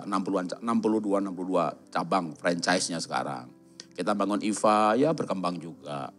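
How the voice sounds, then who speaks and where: A middle-aged man with a voice, preaching a sermon in a church, telling stories and jokes and acting out the quoted voices. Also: lowish voice. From Java. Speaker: pastor. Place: large church hall.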